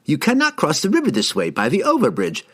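A man voicing an excitable, fussy male wizard who gives eager, rambling explanations in an audiobook. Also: a little high, fast talker, breathy edge, pitched above the performer's own voice, full character voice.

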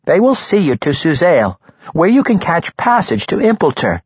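A man's voice: a little high, very animated, normal speed, slightly rough, no room sound, dull audio, voice pushed up, heavily acted. A man voicing an earnest male halfling giving directions. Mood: urgent.

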